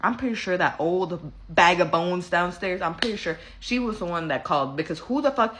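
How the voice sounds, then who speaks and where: A woman vlogger telling a story from home in a casual, animated, profane and sassy way. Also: fairly low pitch, moderate pace, slight background noise.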